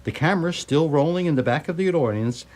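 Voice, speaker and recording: During a live radio theatre performance, a man reads scripted narration quickly and expressively. His voice sits a little high with a darkish tone, and his storytelling is wry and literary.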